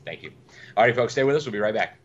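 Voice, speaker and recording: A man hosting a talk show, talking briskly and upbeat to viewers, on dull lo-fi audio with a faint rumble. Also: expressive. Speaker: host.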